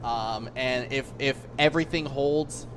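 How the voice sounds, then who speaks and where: A man co-hosting a casual football podcast, talking in an animated way and slipping into mock voices. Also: medium pitch, unhurried, a little hiss or hum. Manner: animated, breaks into mock phone-call voices. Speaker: podcast co-host. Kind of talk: casual sports chat.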